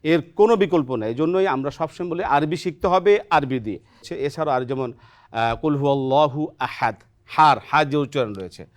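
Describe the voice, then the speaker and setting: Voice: mid-range voice, moderate pace. A Quran teacher on a television lesson, patiently quizzing students on letter pronunciation and often ending a point with a questioning "right?". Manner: patient and encouraging. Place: television studio.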